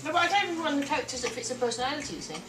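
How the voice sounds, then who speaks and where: A woman at a dinner party, brisk and organizing in casual chat. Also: sits high, very animated, far from the mic, noisy background. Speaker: dinner guest. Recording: echoey room from afar, clatter.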